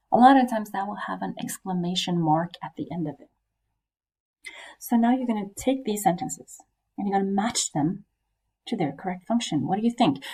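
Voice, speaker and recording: A woman's voice: mid-range voice, warm tone, slightly rough. A woman teacher talking through a recorded lesson, explaining step by step with frequent fillers and questions to her students.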